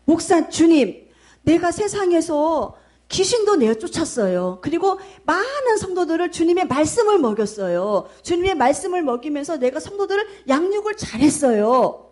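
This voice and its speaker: A woman's voice: high-pitched, fairly quick, few pauses, darkish tone, natural voice. A woman preacher voicing a male pastor who pleads and protests his case in a raised, urgent voice. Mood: pleading.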